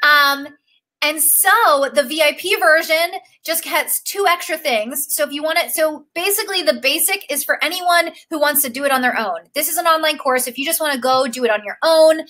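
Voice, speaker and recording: Gushing high-pitched woman coach. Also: moderate pace, sharp tone. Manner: gushing, emotional, filler-heavy with frequent "like". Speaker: acting career coach. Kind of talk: live-stream course pitch.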